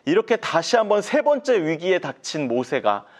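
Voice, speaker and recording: A male pastor telling a Bible story to children, animated and asking his listeners questions. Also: a little high, moderate pace.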